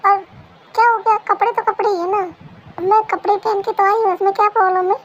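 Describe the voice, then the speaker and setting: A woman's voice: extremely high pitch, level tone, muffled recording, slight background noise, pitched above the performer's own voice. A woman reading a fan story, voicing a bubbly, pushy young wife who pleads for her place in the household. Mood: defiant. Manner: reads quickly, one reader voicing every figure.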